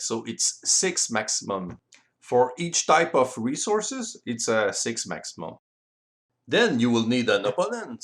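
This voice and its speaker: A native French speaker explains board game rules as an instructional voice-over, his French-accented English careful and deliberate. His voice sits in the mid range.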